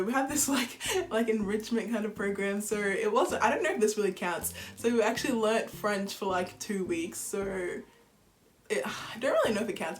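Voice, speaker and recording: A young woman from Zimbabwe, giving a relaxed, chatty bedtime talk as a vlogger, soft-spoken and giggly, at times sinking to a whisper. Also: mid-range voice. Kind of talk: relaxed bedtime chat to camera.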